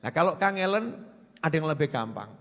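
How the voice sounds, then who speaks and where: Man, animated joking preacher, fairly high voice, long hall reverb. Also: fairly quick. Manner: lively, joking, swings from loud to soft. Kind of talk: sermon.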